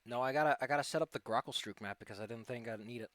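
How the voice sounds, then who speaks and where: A man's voice: medium pitch, racing, fairly bright tone, no echo. A man narrating casually as game master of a tabletop game, with a playful, teasing manner.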